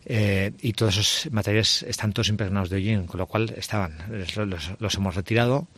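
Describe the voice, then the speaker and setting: Low guy, dry close mic, stumbles and restarts a lot, radio studio guest. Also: steady tone, fairly quick, husky, dry recording. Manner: hesitant, frequent restarts and fillers. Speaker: restaurant owner.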